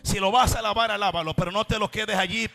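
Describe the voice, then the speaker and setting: A man preaching a sermon to a congregation in a church, with a repetitive, impassioned cadence that swings between shouts and quiet passages. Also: sits high, steady tone, quick pace, music in the background.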